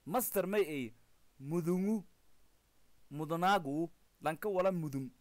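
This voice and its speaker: A man with a Maay Somali accent teaching an English lesson. He reads the text aloud, then explains each word slowly and spells some of them out letter by letter. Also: on the high side, no echo. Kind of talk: recorded language lesson explaining and translating a text.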